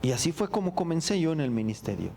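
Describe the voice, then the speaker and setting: A middle-aged male pastor with a slightly higher-than-usual voice tells his own story in a sermon. He is earnest and reflective, often stumbling over repeated words. A faint hum of room ambience sits behind him. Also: sing-song, quick pace, vocal fry, darkish tone. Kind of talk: personal testimony in a sermon.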